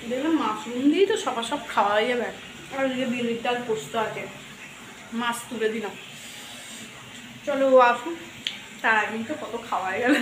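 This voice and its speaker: Soft-spoken woman with a sore throat. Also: fairly high pitch, fairly quick, long pauses, background noise. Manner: chatty, talks straight to viewers. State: sore throat, speaking softly. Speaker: home vlogger. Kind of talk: casual home vlog chat. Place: home kitchen. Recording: echoey home room.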